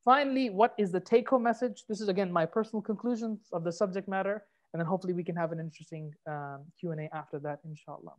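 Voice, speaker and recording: A man from Kuwait giving a conversational guest lecture over a video call, explaining in a relaxed way and dropping in Arabic phrases. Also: sits high, quick pace, few pauses. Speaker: guest lecturer, assistant professor.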